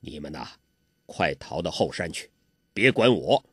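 A man's voice: low-pitched, very animated, measured pace, breathy edge, no room sound, clean studio sound, voice pushed down, heavily acted. A man doing a weary, kindly old master. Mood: weary, gentle.

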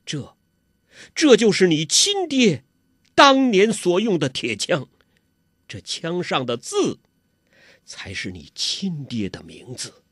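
A sorrowful middle-aged mother in a spoken storybook, gentle and drawn-out in her speech, played by a male storyteller. The voice is a little husky. It sounds dry and close. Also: high-pitched, big pitch swings, no room sound, pitched above the performer's own voice, exaggerated voice.

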